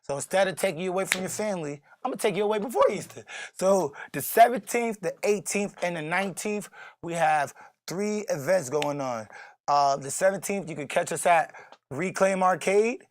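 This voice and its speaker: A man co-hosting a casual podcast, talking in a voice pitched a bit high for a man. He jokes around, swears freely and now and then breaks into shouting. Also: normal speed. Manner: loud, joking, profane, swings to shouting. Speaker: podcast co-host.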